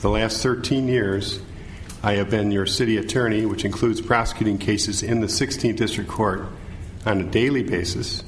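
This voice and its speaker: Middle-aged American man, lowish voice, formal candidate answers, hesitant, faint background noise. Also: fairly even intonation. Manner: halting, hesitant, stumbling over words. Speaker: judicial candidate, city attorney.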